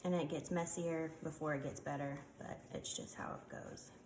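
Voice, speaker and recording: In an echoey room with faint background noise, a craft tutorial maker talks through each step as she works with her hands. Her congested voice is low and a little mellow, with fairly even intonation at a moderate pace, and she chats casually with frequent ums.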